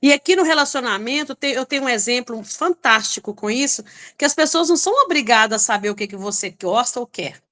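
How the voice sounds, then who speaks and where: A high-pitched woman talks in a casual group discussion, telling stories from everyday life with lively, anecdotal energy. She speaks as one participant among several, building each point through examples. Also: quick pace.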